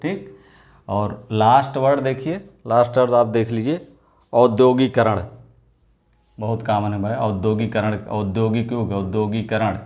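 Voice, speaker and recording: A man teaching an exam-prep lesson, repeating each word and firing off quick rhetorical questions in an informal, coaxing way. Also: lowish voice, steady tone, darkish tone. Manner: drills words by repetition, asks quick rhetorical questions.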